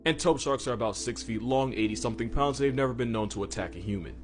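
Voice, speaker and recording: Comedic narration about animals, clearly scripted, comes from a medium-pitched man speaking at a quick pace. He sounds wry and sarcastic and leans on slang, and music plays behind his voice.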